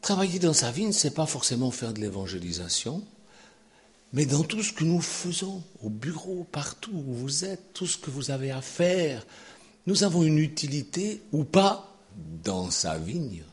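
A man preaching a sermon in an animated way, swinging from loud exclamations to near-whispers. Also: fairly high pitch, unhurried, slightly rough.

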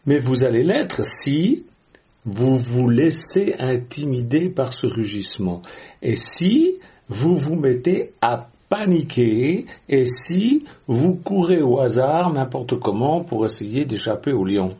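Slow, mellow-voiced male preacher. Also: mid-range voice, big pitch swings, muffled recording, a little hiss or hum. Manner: conversational, rhetorical questions, many hesitations. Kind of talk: sermon.

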